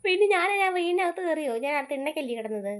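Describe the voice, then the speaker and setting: A defensive grandmother, played by a woman, in a family comedy skit. She fires off insistent denials at a rapid clip in a fairly high voice. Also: expressive. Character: defensive grandmother accused of taking a hair slide.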